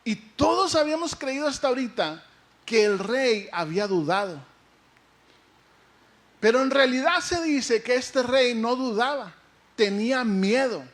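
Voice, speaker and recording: A male pastor preaching a lively sermon, asking the congregation questions and acting out the story. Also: very high-pitched, unhurried.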